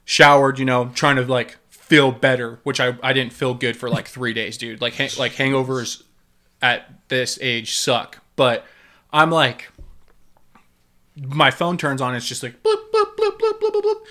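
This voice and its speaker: Bright-voiced rambling guy telling stories. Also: medium pitch, fairly even intonation, unhurried. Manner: rambling storyteller, swears freely, lots of "like" and "dude". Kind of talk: casual chat.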